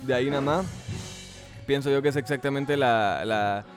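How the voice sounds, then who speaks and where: A young man from Guatemala with a Guatemalan Spanish accent, a musician guest talking in a relaxed, slangy, hesitant way. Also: medium pitch, moderate pace, faint music behind. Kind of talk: casual interview chat.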